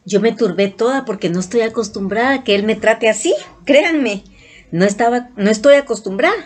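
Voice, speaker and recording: A woman's voice: a little high, brisk. Earnest woman from Guatemala telling a story. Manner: earnest, repeats herself for emphasis, frequent "le dije" and "miren". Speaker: vlogger. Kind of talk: personal storytelling to viewers.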